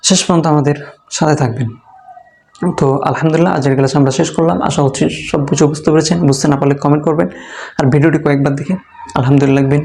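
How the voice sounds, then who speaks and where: A man's voice: fairly high pitch, warm tone, a little hiss or hum. A man teaching a beginner's Quran reading class online, patiently repeating letter sounds and answering his own questions.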